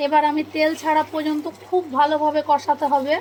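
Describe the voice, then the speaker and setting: High-voiced woman narrating a cooking video. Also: a little fast, a little hiss or hum. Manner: calm step-by-step narration, addresses viewers as friends. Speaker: cooking channel host.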